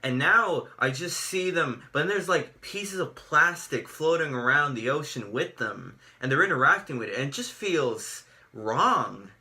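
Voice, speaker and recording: A man giving a casual, unscripted video review in an earnest, effusive, halting way, his speech slightly altered by braces. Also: on the high side, animated, bright, forceful tone.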